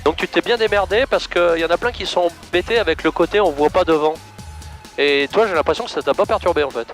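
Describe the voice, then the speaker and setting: A man coaching a student pilot in a small plane's cockpit over a headset intercom, calm, encouraging and casual. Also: high voice, quick pace, soft background music. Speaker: flight instructor. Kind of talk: in-flight coaching.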